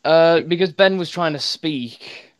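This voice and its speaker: A man hosting a casual voice chat about his series. He speaks in a fairly high voice, hesitant and full of fillers, close and dry on the microphone. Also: a little slow, no echo. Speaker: voice chat host, series creator.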